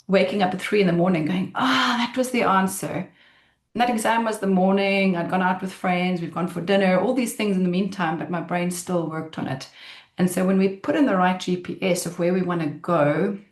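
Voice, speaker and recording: A woman talks through how the mind works in a relaxed, conversational way. Her voice sits low, and she slips into lively quoted voices for people's inner thoughts. She is heard on a computer mic in an echoey room. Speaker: mindset speaker. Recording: roomy echo.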